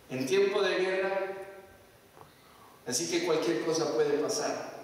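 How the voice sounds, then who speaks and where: A man in his thirties, born in Mexico to Salvadoran parents, preaching a sermon and getting the congregation to repeat after him. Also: on the high side. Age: 30s. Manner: testimony with call-and-response to the congregation. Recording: echoey hall, picked up from far off.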